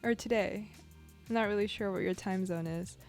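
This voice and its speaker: Casting: woman art streamer, mid-pitched voice, easygoing and halting casual chat, music behind. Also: a little mellow. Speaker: art livestreamer. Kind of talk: casual livestream chat while drawing.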